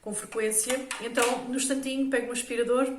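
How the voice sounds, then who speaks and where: A fairly high-voiced woman with a European Portuguese accent chats to her viewers about household products and keeps checking in with them. She sounds set back from the mic in an echoey room, with a faint hiss behind her. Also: level tone, fairly quick. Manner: chatty, conversational, often checks in with the viewers. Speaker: home organisation vlogger. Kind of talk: casual product talk to camera. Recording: roomy echo, mic at a distance, faint noise.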